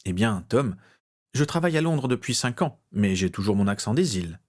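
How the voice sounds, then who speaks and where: A man voicing a polite, composed undercover policeman who speaks in a courteous, measured way. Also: on the low side, animated, a little mellow.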